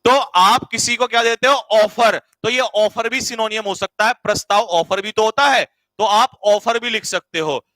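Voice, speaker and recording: A man's voice: high voice, measured pace, hardly any pauses, bright, forceful tone, dry recording, low-quality recording. A man teaching vocabulary to a class. He teases the students and repeats each meaning so they can write it down. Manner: teasing, jokey, calls students beta and bhai. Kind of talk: classroom vocabulary lesson in Hindi.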